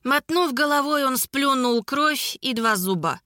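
A woman reads a fantasy novel aloud with brisk, expressive narration. Her voice is fairly high and very bright, with a dry, close sound. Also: no echo. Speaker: audiobook narrator.

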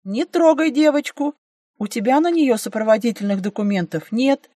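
Woman doing a cranky old hunchbacked gatekeeper, fussy, bossy, raised higher voice, audiobook. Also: moderate pace, mellow, no room sound, clean studio sound, close to an everyday voice. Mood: scolding. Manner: scolding, fussy, bureaucratic. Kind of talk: audiobook reading.

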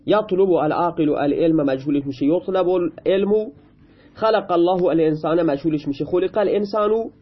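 Husky man patiently explaining a grammar lesson. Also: sits high, lo-fi sound. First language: Persian. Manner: reads Arabic text then explains it patiently in Persian, repeating examples. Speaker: Arabic grammar teacher.

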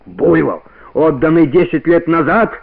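A man's voice: moderate pace, lightly acted. A man howling as a snapping hostile wolf pack. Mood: howling, jeering. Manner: howling, snapping, raised pitch. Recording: narrow-band old radio recording.

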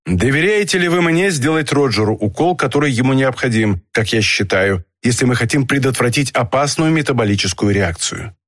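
A man's voice: medium pitch, lively intonation, a little fast, few pauses, fairly bright tone, no echo, clean studio sound. A man reading an audiobook, voicing a brusque, commanding doctor. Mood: earnest. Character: middle-aged male doctor, brusque and commanding.

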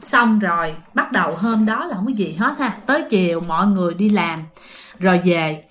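A woman's voice: medium pitch, expressive, normal speed. A woman telling a ghost story in a chatty, casual way, often addressing her listeners.

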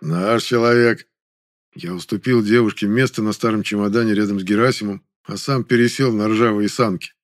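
A man reading a first-person novel aloud in a wry, lively storytelling manner. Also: on the low side, a little fast, few pauses, no room sound, studio quality. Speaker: audiobook narrator.

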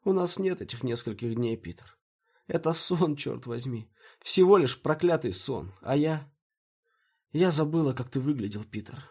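A man's voice: mid-range voice, sing-song, moderate pace, a little mellow, husky, pitched above the performer's own voice. A man reading an audiobook, voicing an anxious, pleading young woman in a dream with urgent, emotional delivery. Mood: tearful. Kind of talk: audiobook character voice.

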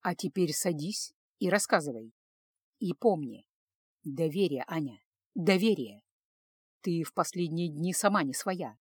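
A loving husband in a storybook reading, low-pitched and softly spoken, as a woman narrator puts him on. He presses gently but firmly for the truth, coaxing rather than loud. The voice is dry and close, with no room sound. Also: animated, measured pace, husky, dry recording. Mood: soft insistent. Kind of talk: audiobook character voice.

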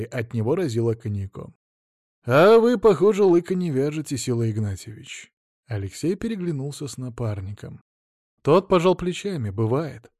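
A male narrator reading an audiobook in a steady, expressive way, at a middling pitch. The recording is dry and close, with no room sound. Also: no room sound.

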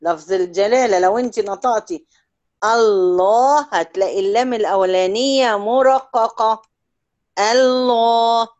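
A woman with an Egyptian Arabic accent teaching Quran recitation one-on-one, stretching example words out slowly and checking in often with short questions. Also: medium pitch, darkish tone, muffled recording. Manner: drawls out example words slowly to demonstrate sounds. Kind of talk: one-on-one tajweed lesson.

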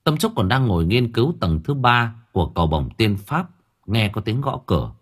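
A man narrating a novel as an audiobook in expressive storytelling style. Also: on the low side, moderate pace, husky.

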